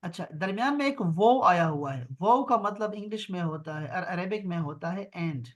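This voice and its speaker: High-voiced man teaching slowly by video call. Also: lively intonation. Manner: patient, repeats words slowly, reassuring. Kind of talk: online Arabic grammar lesson.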